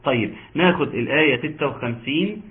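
A man with an Egyptian accent teaching Quran recitation in an online lesson. He explains patiently and chants verses slowly. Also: fairly high pitch, lively intonation. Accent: Egyptian Arabic. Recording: tinny phone-like line.

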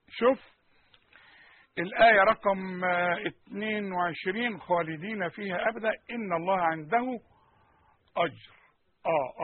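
A man with an Egyptian Arabic accent teaching Quranic pronunciation, repeating sounds and questioning his listeners in an animated way. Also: high-pitched, slightly rough, no room sound, narrow, tinny audio.

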